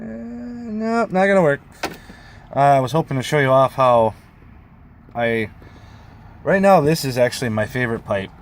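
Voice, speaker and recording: A man talks casually in a rambling hobby vlog, drifting from one half-finished sentence to the next. His voice sits at an average male pitch. A faint vehicle-like noise runs behind him. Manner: informal, meandering, trailing sentences. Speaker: pipe hobbyist vlogger.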